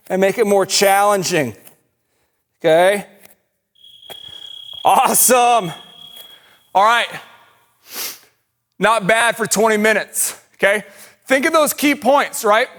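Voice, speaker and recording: A man's voice: high voice, fairly bright tone. A man coaching a home workout in short encouraging cues, out of breath from exercising along. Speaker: fitness coach.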